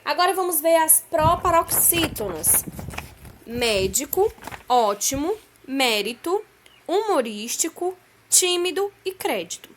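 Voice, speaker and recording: A woman's voice: high voice, big pitch swings, slow pace, fairly bright tone, a little hiss or hum. A woman teaching a school lesson, explaining step by step and asking the class questions.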